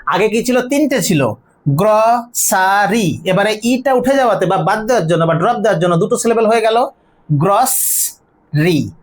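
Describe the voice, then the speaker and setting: A teacher giving a spoken grammar and pronunciation lesson, explaining step by step, asking questions and answering them, and saying model words slowly and drawn out. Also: medium pitch, lively intonation. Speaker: English teacher.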